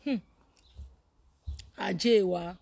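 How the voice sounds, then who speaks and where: A woman hosting a casual live stream, reading out viewers' names and teasing them in an animated way. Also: mid-range voice, drawn-out words, creaky, dry recording. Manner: animated, teasing, laughs often, scolds viewers. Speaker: Facebook live host.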